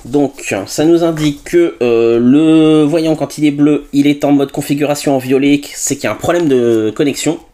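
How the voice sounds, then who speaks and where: A man's voice: on the high side, normal speed, few pauses, warm tone. A man doing a chatty product unboxing as a tech reviewer, tossing in little interjections and hesitations as he goes. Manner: chatty, with frequent "hop" and hesitations.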